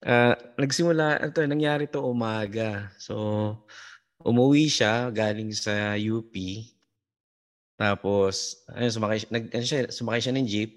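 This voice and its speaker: A man, a podcast guest, telling a story in casual talk, halting and full of fillers and restarts. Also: fairly low pitch.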